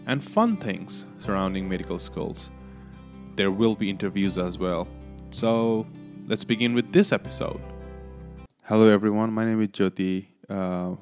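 A man, hosting his own podcast in an earnest, halting way with many fillers. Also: low voice. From Nepal. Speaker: podcast host. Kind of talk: solo podcast monologue.

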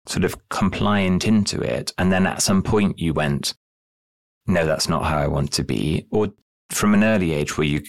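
A man hosting a podcast, asking thoughtful questions and repeating words as he forms them. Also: low-pitched. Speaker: podcast host. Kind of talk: interview questions.

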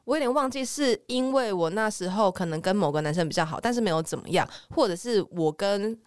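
A young woman from Taiwan chats as a podcast host, quick and full of pitch swings. She tells candid stories and laughs easily. Her voice sits dry and close to the mic. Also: animated, clear, resonant tone, no room sound. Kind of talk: casual chat.

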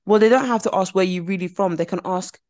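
A young woman chats casually on a podcast, speaking fast in a medium-pitched, slightly mellow voice. She's chatty, uses "like" constantly as a filler, and acts out what other people say.

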